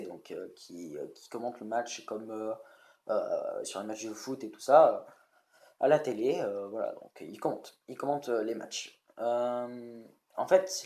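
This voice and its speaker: A man's voice: mid-range voice, a little mellow. A young man from France talking casually to camera, rambling with many fillers and checking his notes as he explains. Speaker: YouTuber. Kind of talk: casual chatty vlog explainer.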